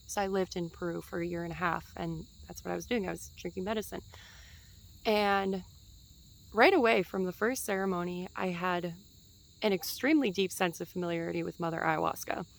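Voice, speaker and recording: A woman's voice: on the low side, gravelly, poor audio. A woman in her twenties giving a casual spiritual teaching outdoors in a forest, chatty and meandering, with fillers and light laughs.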